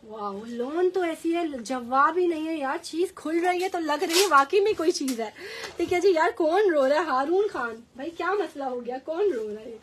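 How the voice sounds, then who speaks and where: A woman with a Pakistani Urdu accent and a sore, hoarse throat, chatting enthusiastically as she sells clothes on a live stream and keeps repeating the prices. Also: high-pitched, expressive, moderate pace, few pauses, a little hiss or hum. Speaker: online clothing seller. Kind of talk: live-stream sales pitch.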